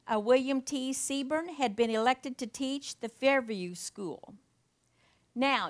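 An older woman from Indiana with a fairly high voice gives an informal local history talk to an audience. She reads from notes, adding folksy asides and fillers.

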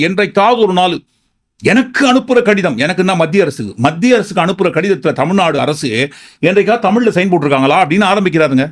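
Sarcastic commentator. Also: male voice, high voice. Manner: sarcastic, piles up rhetorical questions. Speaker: political commentator. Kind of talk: political commentary video.

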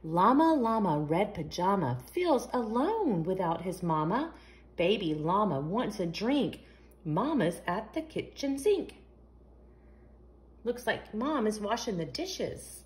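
Hosting a children's storytime, a woman reads a picture book slowly in a mid-range voice with big swings in pitch. Her delivery is expressive and sing-song, and she poses questions to the little ones listening.

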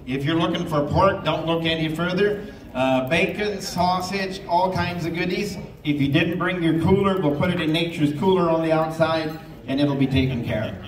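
A man's voice: fairly high pitch, normal speed. A man working as an auctioneer, calling a live auction with a repetitive number chant in a large indoor room. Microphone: audience phone camera, at a distance. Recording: distant echoey event hall with crowd.

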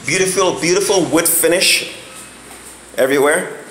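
This is a casual walking tour of an empty house, inside and on the balconies, filmed on a handheld phone. The man narrating rambles and gropes for words with many fillers. His voice is on the high side and fairly bright at a normal speed, and the poor audio carries slight background noise.

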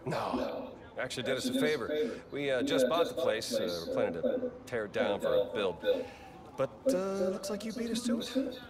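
An actor playing a smooth, glad-handing male corporate executive in a video game cutscene, chummy and salesman-like with hesitant fillers. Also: mid-range voice, sing-song, measured pace. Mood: friendly. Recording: roomy game audio, distant, loud crowd.

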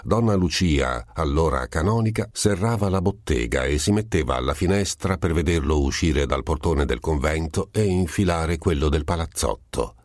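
A male audiobook narrator with a deep, low voice that moves lively up and down as he tells the story. The recording is dry and close, with no room sound. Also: moderate pace, hardly any pauses, dry recording. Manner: expressive storytelling. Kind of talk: scripted literary narration.

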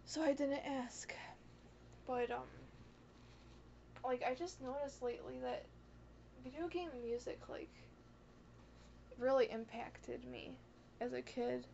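Casting: young woman vlogger, high voice, excitable, rambling, self-conscious. Dull, lo-fi recording. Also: takes it slowly, gravelly, long pauses. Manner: excitable, gushing, heavy on "like" and "oh my god"; self-conscious, apologetic asides. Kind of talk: casual rambling chat. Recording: dull lo-fi audio with faint hiss.

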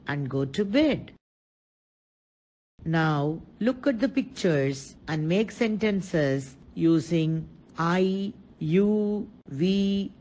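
Female narrator for a kindergarten lesson, low-ish voice, slow and deliberate, asks the kids simple questions. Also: a little mellow, rough recording. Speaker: kindergarten teacher. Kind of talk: scripted lesson narration for young children.

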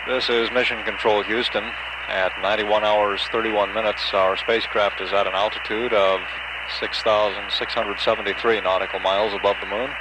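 A low-pitched American man reads a spaceflight status report as a mission control announcer. He is measured and halting, with very little melody. The archive radio audio is buried in heavy noise. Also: little pitch movement. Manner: halting, measured official delivery.

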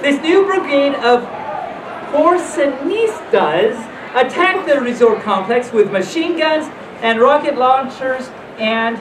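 A storytime host in a full mascot costume reads aloud playfully to a live audience, tossing in casual asides, with a high, animated voice at a slow pace. It's a hotel function room at a convention. A distant camera mic picks up roomy, noisy audio.

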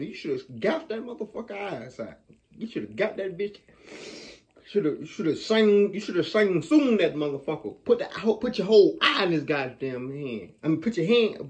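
A young man in his twenties reacting to a horror story with animated, profane outbursts, talking back at it. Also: a little high. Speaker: reaction video host. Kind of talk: casual reaction commentary. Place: small indoor room before a dark backdrop.

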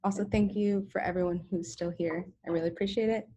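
A woman's voice: mid-range voice, steady tone, quick pace, dark tone, slight background noise. A young woman giving an informal science presentation on a video call, talking casually with many ums and self-corrections. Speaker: student presenter.

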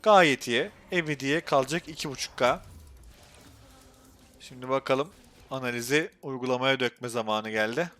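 A young man with a Turkish accent and a mid-range voice commentates his own gameplay on a live stream. He's excitable, swinging quickly from quiet muttering to frustrated outbursts.

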